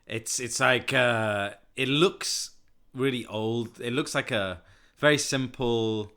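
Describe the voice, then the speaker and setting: A man's voice: mid-range voice, slow, bright, forceful tone. A man hosting a podcast in casual chat, teasing and rambling, sounding a little nasal. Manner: chatty, teasing, rambling with fillers. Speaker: podcast host.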